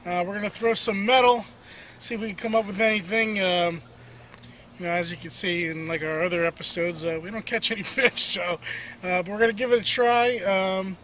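Man in his 30s, high voice, easygoing fishing host, loose and jokey, outdoors on camera mic, faint background hiss. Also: fairly even intonation, a little fast, sharp tone. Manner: easygoing, joking, lots of filler words. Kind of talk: casual outdoor fishing vlog. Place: outdoors by a canal. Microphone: camera mic, medium shot.

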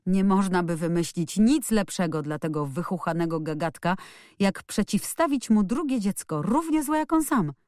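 A woman's voice: on the low side, lively intonation, normal speed, darkish tone, dry recording, clean studio sound, natural voice. A woman voicing a strong young nurse who speaks in a mocking, indifferent way in a storybook reading. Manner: mocking, giggling tone.

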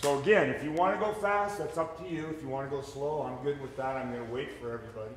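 A man's voice: medium pitch, quick pace. A man leading a group fitness class, calling out moves and counts with upbeat encouragement and frequent laughs. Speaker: fitness instructor. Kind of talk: coaching a live group class. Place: echoey gym with a group. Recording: echoey gym room, loud background noise.

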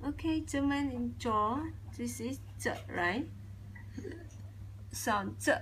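This is a slow indoor whiteboard lesson in which a young Khmer-accented woman from Cambodia patiently repeats each sound of her language many times. She speaks with a fairly high, fairly bright voice over a little hiss or hum.

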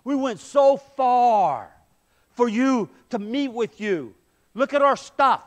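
High-voiced pastor preaching emphatically. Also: male voice, expressive, slow pace. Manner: emphatic preaching, rhetorical questions, pacing the stage. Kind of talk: sermon. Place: church sanctuary, medium-sized, indoors. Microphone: headset mic.

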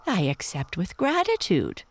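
A storyteller voicing a timid, curious little dragonfly grub in a bedtime story, speaking politely and quietly. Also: medium pitch, wildly swooping pitch, unhurried, pitched above the performer's own voice, heavily acted. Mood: earnest. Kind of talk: storybook character voice.

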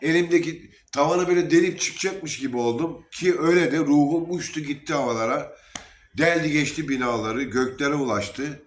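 A man's voice: fairly high pitch, brisk. Earnest Turkish man telling his story. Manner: earnest, emotional storytelling with quoted dialogue. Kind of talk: casual spoken testimony. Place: Sufi lodge gathering.

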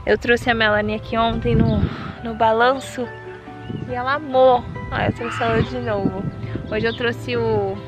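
High-pitched chatty young mom outdoors. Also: female voice, fairly even intonation, a little slow, dull audio, over loud music. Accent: Brazilian Portuguese. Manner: chatty, coos at her baby. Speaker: vlogger mother. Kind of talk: casual outdoor vlog. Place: outdoors in a windy park.

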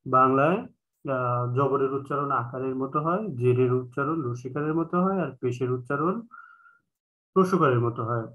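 A man with a Bangladeshi Bengali accent, teaching an online class in a patient way, repeating each point slowly with many filler sounds. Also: medium pitch, muffled recording. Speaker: Quran reading teacher. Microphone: online call.

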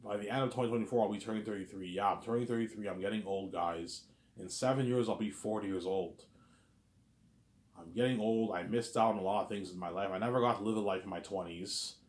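A male vlogger in his thirties chats casually on his own to viewers, rambling, repeating himself, and fumbling words. He talks fast in a voice on the low side, with reverberation in the recording.

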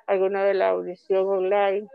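A woman's voice: medium pitch, monotone, moderate pace, vocal fry, narrow, tinny audio. A woman from Ecuador, a comic author, presenting her books in a rambling, chatty way with many restarts over call audio. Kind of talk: online book fair presentation.

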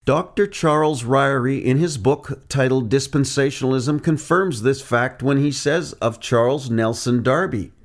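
A preacher reads a scripted teaching narration in a measured, deliberate manner, quoting aloud from his sources. His voice is medium in pitch.

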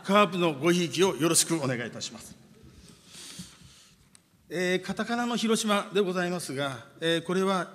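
A man, a city mayor, gives a formal ceremonial speech, measured and dotted with drawn-out filler sounds. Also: high-pitched, expressive, fairly bright tone. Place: large conference hall. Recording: long hall reverb.

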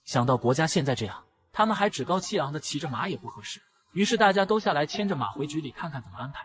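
Fast-talking man narrating a drama recap. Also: fairly high pitch. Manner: brisk, lively storytelling. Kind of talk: storytelling narration.

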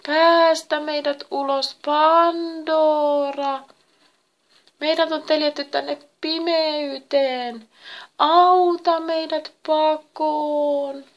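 A woman voicing a chorus of trapped evil spirits, calling out slowly and high-pitched with drawn-out pleas. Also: level tone, dull audio, natural voice. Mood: pleading.

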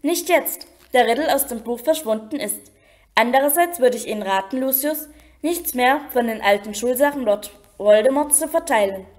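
Kindly old headmaster, calm and gentle; a woman reads him in a storybook. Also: on the high side, normal speed, lightly acted.

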